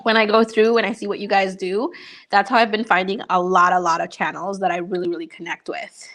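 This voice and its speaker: A woman's voice: mid-range voice, little pitch movement, a little fast, a bit bright. A young woman from Honduras, a YouTuber casually chatting with viewers and answering their questions, upbeat and full of fillers. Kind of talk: casual livestream chat.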